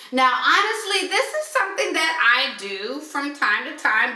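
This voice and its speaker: A woman speaks earnestly about faith and relationships, leaning on slow emphasis for key points. Her voice sits high and sounds bright and crisp. The room around her rings with a noticeable echo. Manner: earnest, measured, with slowed emphasis. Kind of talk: reflective talk on faith and relationships.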